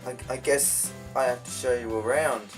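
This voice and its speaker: A man's voice: medium pitch, steady tone, normal speed, music in the background, low-quality recording. A man joking around while filming a home video with his band, recorded as old camcorder audio. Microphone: camera mic held away.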